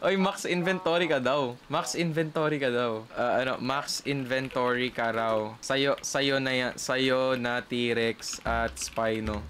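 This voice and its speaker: A man from the Philippines streaming a game, excitedly talking to his chat and mixing English with Tagalog. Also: mid-range voice, takes it slowly, hardly any pauses, slight background noise. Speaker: gaming streamer. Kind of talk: casual gameplay commentary to chat. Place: indoors at someone else's house, keeping voice down. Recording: clear game music under voice. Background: background music.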